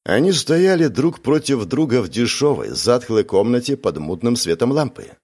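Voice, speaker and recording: A man reading a novel aloud in steady scripted narration. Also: mid-range voice, normal speed, husky. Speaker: audiobook narrator.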